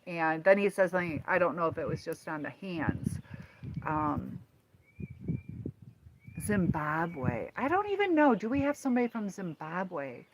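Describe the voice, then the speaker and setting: A woman in her fifties, hosting a casual live stream, talking in a rambling, halting way with many fillers. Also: fairly low pitch, sing-song. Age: 50s. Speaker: livestream host and teacher. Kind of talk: casual live-stream chat answering viewers. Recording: noticeable background noise.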